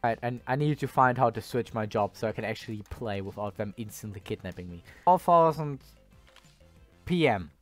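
A man's voice: medium pitch, lively intonation, moderate pace. A young man giving casual gameplay commentary and bantering with other players, giggly and often repeating his words. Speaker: gamer streamer. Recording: music in the background.

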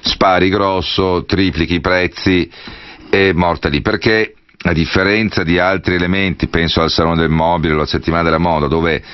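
Man, radio host, very low voice, long rambling questions, dull lo-fi broadcast sound. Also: level tone, moderate pace, smooth. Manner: long, winding questions with many asides. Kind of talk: radio interview.

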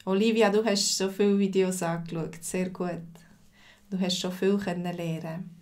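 A woman's voice: on the low side, fairly even intonation, moderate pace, a little mellow. A Swiss woman of about forty with a Swiss German accent, teaching a live-streamed language lesson and patiently answering viewers' comments by name. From Switzerland.

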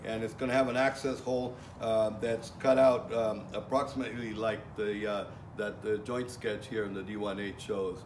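A man's voice: lowish voice, flat delivery, normal speed, few pauses. A middle-aged man teaching welding outdoors in a plainspoken way, with many fillers and restarts, recorded from a far camera. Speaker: welding instructor. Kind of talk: casual outdoor lecture. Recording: echoey, from a distance, faint ambient noise.

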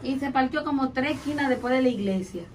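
A woman's voice: sits high, fast talker, a little mellow. A woman, a companion recalling events in an interview, emotional and full of exclamations. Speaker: guest's companion. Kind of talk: interview chat. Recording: distant mic, faint background noise.

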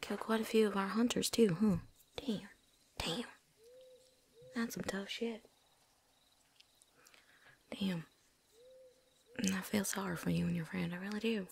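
A woman's voice: mid-range voice, fairly even intonation, measured pace, gravelly, long pauses, a little mellow, husky. A woman voicing a chatty, folksy veteran vampire hunter with a put-on drawl and casual slang, talking around something in her mouth, in a whispered role-play. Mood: chatty, wry.

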